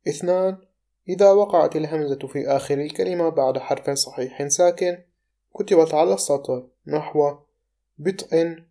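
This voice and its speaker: A man reading out numbered spelling rules and word examples in a measured teaching voice. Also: a little high, warm tone.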